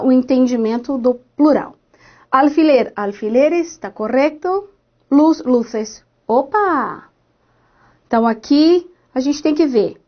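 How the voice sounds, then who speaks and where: A woman's voice: high voice, lo-fi sound. A woman teaching a language class online, explaining grammar exercises patiently and encouraging students, often checking in with short questions. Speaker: Spanish teacher.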